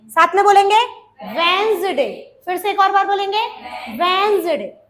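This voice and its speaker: High-pitched, bright-voiced Indian woman teaching. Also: little pitch movement. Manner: addresses students as beta, asks questions and drills answers; slows down and stretches out example sentences. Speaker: English grammar teacher. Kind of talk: classroom grammar lesson for exam students.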